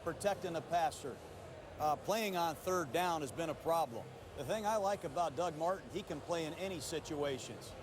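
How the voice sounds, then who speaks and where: A man's voice: on the high side, moderate pace, background noise. A man giving live football commentary as an analyst.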